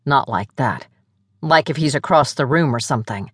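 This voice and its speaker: A woman's voice: rumbling low, expressive, moderate pace, a bit bright, breathy edge, no room sound, pitched below the performer's own voice, full character voice. A woman narrator voicing a laid-back young man with a dry, teasing manner.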